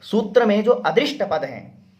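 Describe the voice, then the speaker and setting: A man's voice: sits high, big pitch swings, a little slow, darkish tone. A man teaching Sanskrit grammar in a lecture, explaining patiently with many repetitions and rhetorical questions. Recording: dull lo-fi sound.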